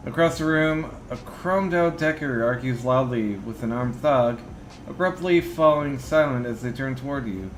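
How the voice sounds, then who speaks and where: A man's voice: medium pitch, moderate pace, slight background noise. A man giving casual, sweary gameplay commentary and reading the game's text aloud as he plays. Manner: casual, profane. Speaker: video game player narrating playthrough.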